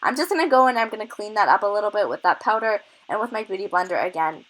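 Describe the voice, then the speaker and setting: Talking fast in an animated, medium-pitched, slightly bright voice, a young woman with a cold walks through a makeup tutorial. She is a little out of breath but chatty and enthusiastic about her product tips, and the audio is rough.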